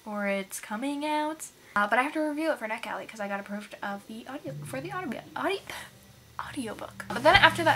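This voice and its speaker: A woman's voice: fairly high pitch, sharp tone, slight background noise, rough recording. A woman vlogging casually about books, chatty and full of fillers, with laughing asides. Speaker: book vlogger. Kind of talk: casual chat.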